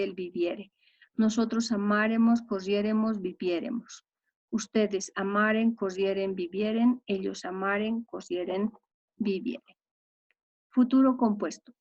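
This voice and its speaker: A woman teacher works through verb forms one after another in an even, methodical recitation. Her voice sits at a middle pitch. The recording sounds dull and lo-fi. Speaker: language teacher. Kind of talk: recorded grammar lesson.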